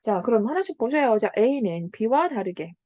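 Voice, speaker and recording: A woman's voice: a little high, very animated, unhurried, dark tone, no echo. A woman teaching a Korean literature lesson, explaining a passage by paraphrasing it, with many fillers and frequent questions to check that students follow. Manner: asks students to confirm understanding.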